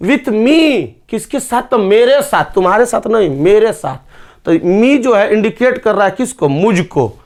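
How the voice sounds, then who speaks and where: A man's voice: sits high, big pitch swings, a little slow, a little mellow. A man teaching a grammar lesson, spelling words out letter by letter. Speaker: English teacher.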